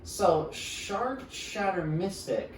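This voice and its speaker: A man with a high, expressive voice that stretches out his words co-hosts a podcast, chatting casually, explaining game cards at length and laughing often. The recording sounds roomy, with a distant mic and background noise.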